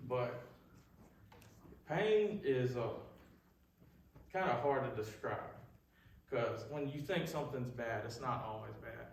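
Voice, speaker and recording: Male youth speaker, folksy and halting, telling things informally; very reverberant room, distant mic. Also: medium pitch, animated, vocal fry. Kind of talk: informal youth talk, storytelling. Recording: echoey room, far mic, faint noise.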